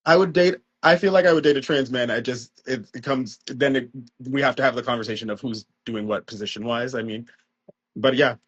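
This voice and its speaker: A man's voice: medium pitch, brisk, breathy edge, highs cut off. A man in his twenties, a guest on a dating show, chatting over a video call in an easygoing, playful way and laughing easily. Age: 20s. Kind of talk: casual interview chat.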